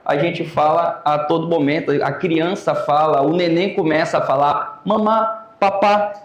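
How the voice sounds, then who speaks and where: A Brazilian man teaching an oratory class, lecturing lively and calling on students by name. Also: on the high side, echoey room. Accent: Brazilian Portuguese.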